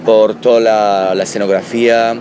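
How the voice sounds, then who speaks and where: A man born in Italy, a musician answering interview questions in a halting, thoughtful way with many restarts. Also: fairly low pitch, little pitch movement, background noise. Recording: loud music behind. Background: loud music.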